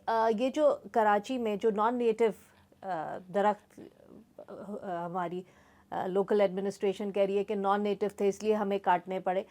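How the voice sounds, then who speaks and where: Woman podcast host, pakistani urdu accent, asks questions attentively, higher pitch. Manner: attentive, steady affirming murmurs. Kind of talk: interview conversation.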